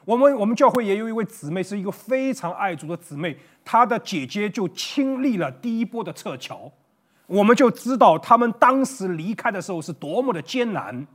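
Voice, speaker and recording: A man's voice: sits high, very animated, fairly quick. A man preaching an online Sunday sermon to a camera, earnest and conversational, stumbling over words at times. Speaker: pastor. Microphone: facing a camera.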